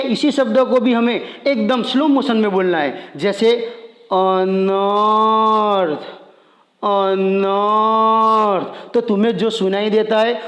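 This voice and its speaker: A man teaching grammar step by step, speaking straight to the student in a plain way. He draws example words out in slow motion, then says them quickly. His voice is on the high side, and the room rings with a long echo. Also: a little mellow. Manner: direct and plain, addressing the learner. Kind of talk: explaining a Hindi grammar lesson. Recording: echoey room with long reverb.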